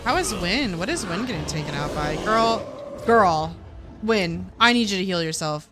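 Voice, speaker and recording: A woman's voice: lowish voice, expressive, fairly quick, over music. A woman streaming a game with casual, slangy live commentary, often talking to the characters on screen.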